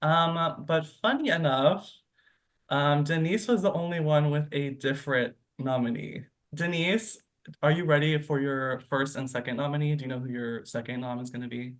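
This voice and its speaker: A man's voice: on the high side, moderate pace. A man hosting an online game show over a video call, announcing results with an upbeat, giggly manner.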